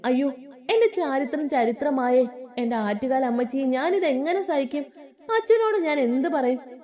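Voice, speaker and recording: A woman's voice: on the high side, very animated, brisk, darkish tone. A woman voicing a feisty, melodramatic young woman who scolds and complains. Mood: wailing. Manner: indignant, wailing, melodramatic. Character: feisty dramatic young woman, hot-tempered.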